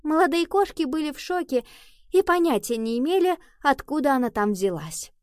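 A woman voicing an eager schoolgirl giving a story to her class in a children's audiobook, lively and keen. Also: sits high, moderate pace, dry recording, studio quality, pitched above the performer's own voice. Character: eager schoolgirl telling a tale.

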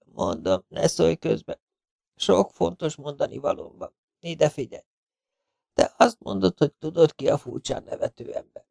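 A man's voice: a little high, expressive, gravelly, darkish tone, dry recording, clean studio sound, pitched above the performer's own voice, full character voice. A man voicing a badly wounded legionnaire who whispers weak, breathless last words. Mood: urgent whisper. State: dying, whispering.

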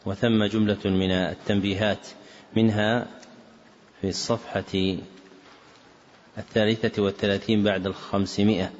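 A male scholar giving a lesson, reading out corrections to a text in a measured way and repeating page numbers for his students. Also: lowish voice. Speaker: Islamic scholar teaching a book lesson. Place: lecture hall or mosque with loudspeakers. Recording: reverberant hall with faint ambient noise.

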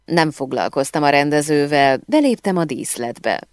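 A woman narrating a first-person novel aloud in an expressive storytelling manner. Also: low-pitched, no echo, studio quality. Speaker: audiobook narrator.

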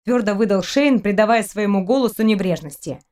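Audiobook narration: woman reader, steady storytelling. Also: mid-range voice, brisk. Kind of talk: scripted narration.

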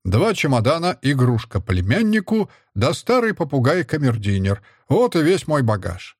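A jovial soldier uncle with a husky, hearty voice that bounces through a wide range of pitch, as a male narrator puts him on. He teases and jokes in a dry, close storybook reading. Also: sing-song, normal speed, no echo. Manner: hearty, teasing.

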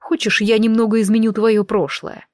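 A woman voicing a slow-spoken, mocking male prince of time travelers in an audiobook. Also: a little high, little pitch movement, dry recording, clean studio sound, natural voice. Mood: solemn. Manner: slow, drawn-out, teasing.

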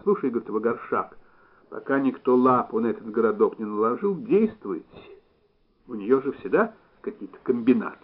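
A man voicing an enthusiastic young male doctor who talks quickly and eagerly, on a slightly dull recording. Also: medium pitch, lively intonation, slightly rough. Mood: pleased.

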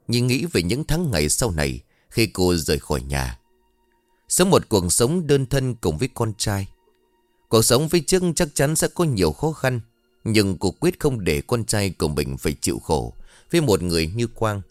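A man narrating a story in an expressive, emotive reading. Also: fairly low pitch, dry recording. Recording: dry with faint music.

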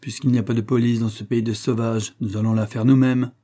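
A man's voice: medium pitch, little pitch movement, a little fast, warm tone, lightly acted. A man reading an audiobook, voicing a cocky young Parisian street lad who talks in a boastful, slangy way.

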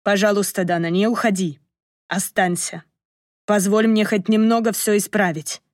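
An intense young man, hoarse and hushed, pleading slowly and softly, as a woman narrator puts him on. It is an audiobook reading in a dry, close space with no room echo. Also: mid-range voice, fairly even intonation, close to an everyday voice. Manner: slow, soft, pleading.

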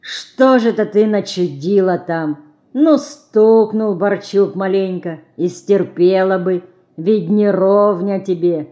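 A woman reader voicing a weary, poor old organ grinder who speaks slowly in a folksy, mildly complaining way. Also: medium pitch, warm tone, highs cut off, lightly acted. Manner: slow, folksy, mild complaining.

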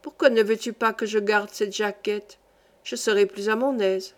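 A woman voicing a young bourgeois man in a read-aloud novel, lowering her tone to object firmly. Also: fairly even intonation, moderate pace, natural voice. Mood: reluctant. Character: young man, wealthy bourgeois son, protesting.

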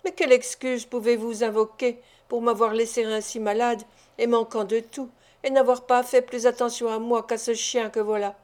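A woman's voice: on the high side, level tone, moderate pace, darkish tone, lightly acted. Grumbling, menacing invalid thief, bitter and demanding, as a woman reads him in a storybook. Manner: growling, bitter.

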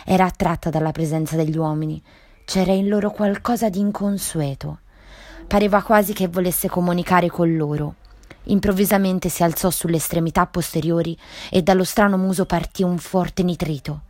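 A woman reading a short story aloud in a measured storytelling manner. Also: on the low side, steady tone, darkish tone, no room sound. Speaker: reader.

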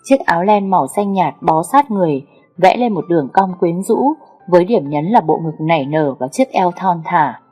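A woman narrating a first-person story, reading slowly with a melancholy tone. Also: lowish voice, animated, mellow, slightly rough, soft background music.

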